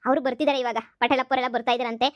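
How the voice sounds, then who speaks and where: A woman voicing a dutiful young constable who reports quickly and eagerly to his boss. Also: high voice, steady tone, no room sound, lightly acted. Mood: reporting.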